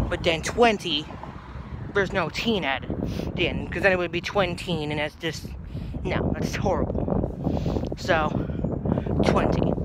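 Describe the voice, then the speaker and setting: Heavy background noise surrounds this high-pitched young man from New Jersey, a vlogger in his twenties chatting to his phone held low at arm's length. He's outside by a brick house on a grassy lawn, rambling casually and drifting off topic.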